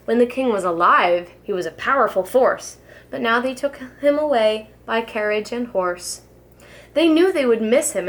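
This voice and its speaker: A preschool teacher with a mid-range voice reads a children's storybook aloud, her delivery expressive and sing-song as she rhymes through it.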